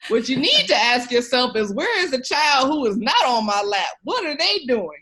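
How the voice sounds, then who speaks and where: High-pitched and sharp in tone, this woman is very animated while keeping a moderate pace. As an education researcher guesting on a podcast, she speaks straight to the listener, emphatic and encouraging.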